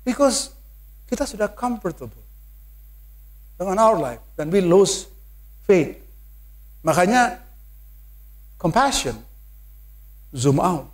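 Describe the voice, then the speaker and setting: High-voiced animated Indonesian preacher. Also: male voice, slow pace, pauses often. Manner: mixes English phrases into his preaching; animated, rising to loud emphatic calls. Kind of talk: sermon. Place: church.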